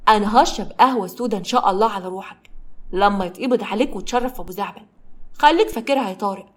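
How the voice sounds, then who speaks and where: A woman's voice: medium pitch, racing, natural voice. A woman with an Egyptian accent voicing a weary, bitter grown man in a family story. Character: despairing, then defiant grown man.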